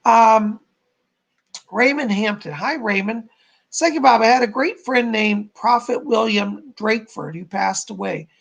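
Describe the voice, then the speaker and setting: A man with a hoarse, croaky frog voice, giving live spiritual readings to donors as a psychic medium. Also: high voice, a little slow, a bit bright.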